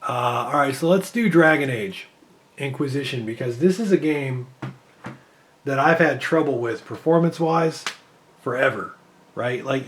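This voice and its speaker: A man's voice: medium pitch, a little hiss or hum. Man losing his voice, talking over gameplay. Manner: rambling, thinking aloud with fillers. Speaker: PC gaming benchmark creator. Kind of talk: casual gameplay commentary.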